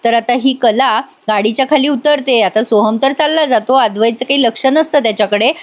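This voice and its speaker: A woman with a high voice narrates a TV serial episode in a chatty, amused tone. She retells scene after scene casually, as if talking to a friend. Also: a little fast. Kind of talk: casual storytelling recap.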